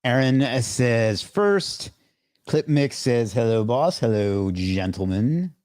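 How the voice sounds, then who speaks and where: A man's voice: medium pitch, expressive, slow, a little mellow, no room sound, clean studio sound. A man hosting a live stream, chatting loosely, rambling and reading out viewer comments as they come in. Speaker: livestream host. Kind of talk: casual live stream chat.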